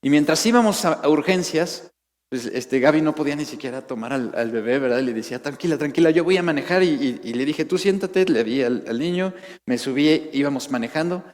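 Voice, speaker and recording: Male pastor, 30s, slightly high voice, emotional sermon in a reverberant church. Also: brisk, a little mellow. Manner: emotional storytelling, many restarts. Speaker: preacher. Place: church sanctuary.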